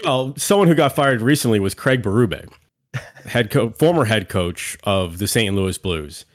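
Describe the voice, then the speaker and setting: A fairly low-voiced man from Canada co-hosting a sports podcast. He talks in an easy, conversational way. When he reads ads he turns brighter and more upbeat. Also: lively intonation, normal speed. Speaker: podcast co-host. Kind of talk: casual sports podcast chat.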